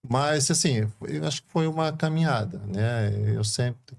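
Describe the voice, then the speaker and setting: A middle-aged man from Brazil with a Rio de Janeiro accent, a permanent deacon calmly telling his story in casual conversation, often adding tag questions. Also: mid-range voice, measured pace, vocal fry. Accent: Brazilian Portuguese, Rio de Janeiro.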